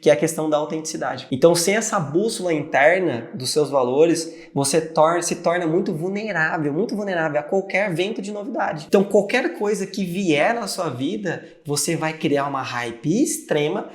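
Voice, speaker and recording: A man's voice: fairly high pitch, normal speed, few pauses. A man with a Brazilian Portuguese accent talking straight to the viewer about personal values, earnest and conversational, like a motivational video creator. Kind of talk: motivational talk to camera. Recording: roomy echo.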